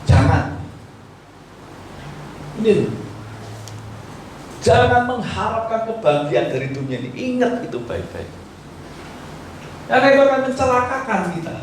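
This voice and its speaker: A man preaching a sermon as pastor, exhorting and acting out prayers, his voice swinging from loud to hushed. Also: high voice, very animated, normal speed, long pauses, a little hiss or hum. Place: church hall. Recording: echoey hall, voice from far off.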